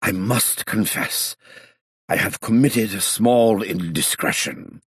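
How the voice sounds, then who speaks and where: A man voicing an excitable elderly male illusionist who talks in a theatrical, flustered way and drops French phrases. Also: fairly low pitch, slow, husky, no room sound, clean studio sound, voice pushed up, full character voice. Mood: agitated. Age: older.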